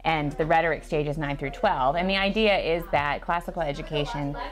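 A woman in her forties with a low voice explains how her school works. She is measured and clear and slips in light jokes as she goes. She is recorded close on a lapel mic in a classroom. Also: faint music behind. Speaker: teacher giving a school tour. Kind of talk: conversational explanation.

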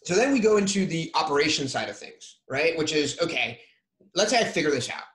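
A man's voice: on the high side, very animated, brisk, a bit bright. A man in his thirties giving a casual technical talk over a video call from a room at home, with many fillers as he explains. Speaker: guest speaker. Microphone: video call webcam. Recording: roomy webcam audio.

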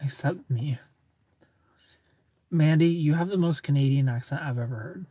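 In a dry recording, a man in his thirties speaks at a moderate pace with a slightly high, mellow, husky voice. He sits in a parked car at night among neon lights, casually live-streaming, reading viewers' comments and laughing often into a phone held close.

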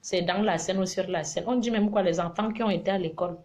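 A middle-aged woman talks to her viewers in a casual live stream. She lectures and teases by turns, scolding one moment and affectionate the next, always animated. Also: fairly low pitch, quick pace. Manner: animated, preachy and teasing, mixing scolding with affection. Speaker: live-stream advice giver.

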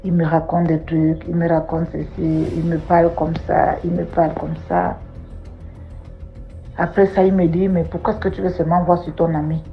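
A woman recounting a personal testimony, plainly told, rising high and urgent in distress. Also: level tone, moderate pace. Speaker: testimony speaker. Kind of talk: personal testimony, spoken storytelling. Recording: dull lo-fi audio with faint music.

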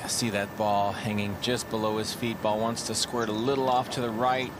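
A man's voice: on the low side, level tone, normal speed. A man giving live golf commentary on shots as they happen. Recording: very noisy outdoor broadcast.

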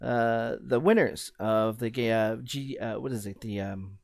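A man's voice: medium pitch, a little slow, vocal fry. A young man with a mid-range voice hosts a gaming podcast in easy, casual chat. He talks hesitantly, filling gaps with ums and uhs. The sound is dry and close with no room echo. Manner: hesitant, many fillers. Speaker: podcast host.

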